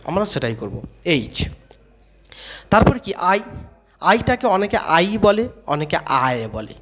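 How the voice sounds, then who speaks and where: A man giving a spoken lesson on how to say letters, asking questions, answering them himself and repeating each sound slowly. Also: sits high. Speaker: English teacher.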